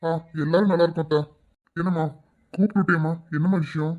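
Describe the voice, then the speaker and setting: A woman voicing a gentle, kindly elder brother in an amateur audio drama. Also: fairly low pitch, steady tone, quick pace, narrow, tinny audio, natural voice. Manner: gentle, soft-spoken.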